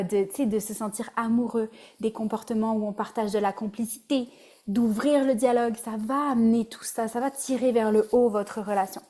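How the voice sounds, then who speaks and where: Her voice sits on the high side with a darkish tone, carrying a Québécois French accent. She's a relationship coach presenting a conversational webinar and tossing in English words.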